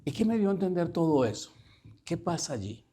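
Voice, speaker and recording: A male priest giving a sermon, asking the congregation questions and repeating lines slowly for emphasis. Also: a little high, sing-song, warm tone, slightly rough. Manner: questioning the listeners, slow emphatic reading.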